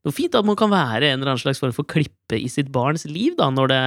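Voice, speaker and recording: A man in his thirties chats candidly over a video call, rambling and poking fun at himself. His voice sits a little higher than most men's. The sound is dry and close. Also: big pitch swings, fairly bright tone, dry recording. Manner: candid, rambling, self-mocking storyteller. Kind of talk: casual chat.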